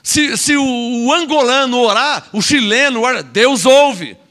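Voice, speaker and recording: High bright-voiced scolding Brazilian preacher. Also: male voice, unhurried. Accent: Brazilian Portuguese. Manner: scolding, sarcastic, with mocking asides and repeated words. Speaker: apostle preaching. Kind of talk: sermon.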